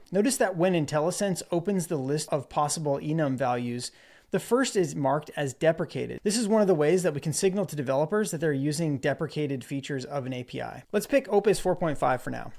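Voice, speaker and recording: A man giving a relaxed screen-recorded coding walkthrough, narrating as he types. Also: a little high. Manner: relaxed explanatory, narrates while typing. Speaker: developer presenter.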